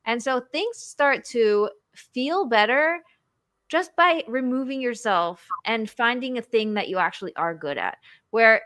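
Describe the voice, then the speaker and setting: Woman host chatting away, bright tense voice, dry close sound, lively and animated. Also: on the high side, unhurried, dry recording. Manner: animated, acts out inner voices. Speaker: show host, marriage coach. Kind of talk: casual live interview chat.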